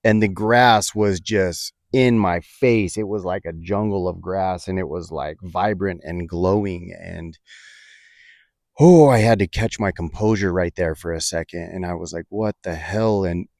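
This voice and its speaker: A man telling a personal story in a reflective, halting way, with many fillers and restarts. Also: deep voice, a little mellow, no room sound, studio quality.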